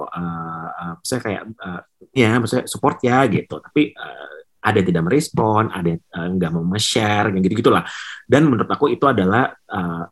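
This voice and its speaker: A young male musician talking through an interview in a low, husky voice. He hesitates often, restarts his sentences and fills pauses as he searches for words, slipping English phrases into casual speech. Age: young adult. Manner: hesitant, many fillers and restarts, mixes in English. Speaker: musician guest.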